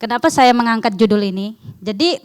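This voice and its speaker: A young foreign woman whose first language isn't Indonesian presents research informally in accented Indonesian, often putting questions to her listeners. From outside Indonesia, she speaks fairly quickly in a voice on the high side that is clear and resonant.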